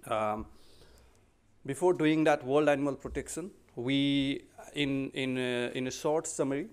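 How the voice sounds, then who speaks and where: A middle-aged man from Nepal, with a smooth mid-range voice, gives a slide presentation at a conference podium microphone. His manner is polite and a bit hesitant, with frequent ums and restarted sentences.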